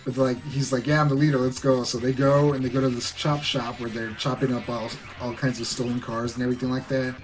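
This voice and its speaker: A man's voice: mid-range voice, little pitch movement, a little fast, hardly any pauses, soft background music. A man recapping a movie in a casual, rambling way, full of "like" and "you know.". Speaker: movie reviewer.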